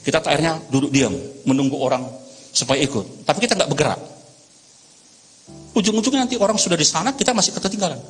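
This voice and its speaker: A pastor, preaching a sermon in a lively storytelling manner with acted voices. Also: male voice, on the high side, quick pace, long pauses. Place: large church hall. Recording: reverberant church hall with music.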